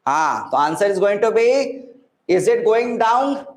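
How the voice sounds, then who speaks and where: A man's voice: high-pitched, sing-song, normal speed. A man with an Indian accent teaching an interactive online physics class, repeating phrases, mixing Hindi words into English and often checking that students follow. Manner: repeats phrases, asks frequent checking questions. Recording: echoey room sound.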